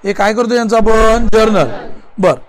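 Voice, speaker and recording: High-voiced Indian teacher drilling a class. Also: male voice, steady tone. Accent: Marathi. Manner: urges students to answer aloud quickly; repeats and drills steps. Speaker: commerce teacher. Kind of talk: accounting lesson.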